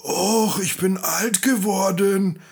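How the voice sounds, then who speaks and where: A man's voice: high voice, steady tone, slow, breathy edge, pitched above the performer's own voice, exaggerated voice. A man doing a whiny old hound. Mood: whining. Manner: whiny, breathless, plaintive. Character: worn-out old male hunting dog, self-pitying.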